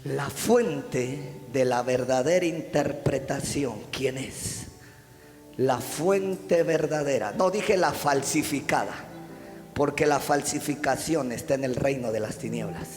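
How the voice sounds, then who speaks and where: A man with a Mexican Spanish accent preaching a fervent sermon, often shouting repeated chants and calling the congregation to repeat after him. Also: medium pitch, takes it slowly. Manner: calls the congregation to repeat phrases. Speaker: pastor. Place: church hall. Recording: echoey church hall with music.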